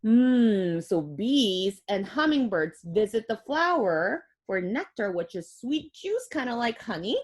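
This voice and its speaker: Her voice on the high side, a woman reads slowly but with hardly any pauses from a picture book for young kids. She performs it like a teacher, with gasps, exclamations, and simple asides that explain things.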